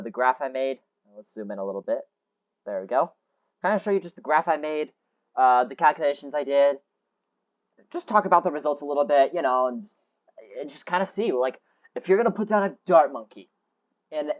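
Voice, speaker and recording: A man's voice: on the high side, dull audio. A young man casually walking through his spreadsheet of game test results, rambling with many fillers and restarts. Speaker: game video creator. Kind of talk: casual screen-share walkthrough.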